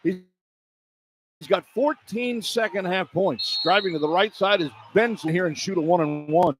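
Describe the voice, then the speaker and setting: This announcer's voice sits high and moves a little slowly as he gives live radio play-by-play of a basketball game. He works in clipped phrases, livening up for the big plays. It's a live broadcast from an indoor college arena, with crowd ambience and background noise behind him.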